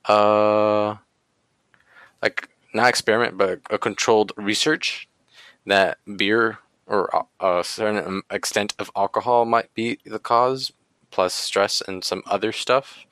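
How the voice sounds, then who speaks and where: A man's voice: on the low side, fairly even intonation, measured pace, fairly bright tone, clean tone, dry recording. A man hosting a casual talk show, speaking hesitantly with many fillers. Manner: hesitant, many ums and likes. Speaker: podcast host. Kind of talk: casual chat.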